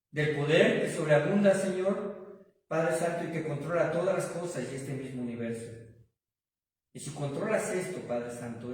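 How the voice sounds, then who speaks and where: Mexican pastor preaching in an echoey hall. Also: male voice, mid-range voice, darkish tone. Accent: Mexican Spanish. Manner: addresses the congregation as brothers, with frequent rhetorical questions. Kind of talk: sermon and prayer. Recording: echoey hall, from far off the mic.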